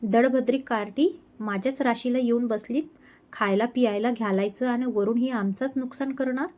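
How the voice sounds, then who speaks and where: A bitter, scolding middle-aged aunt from a spoken storybook, put on by a woman narrator. She hurls insults in a high, sharp-edged voice. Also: steady tone, moderate pace, close to an everyday voice. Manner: harsh, shouting insults.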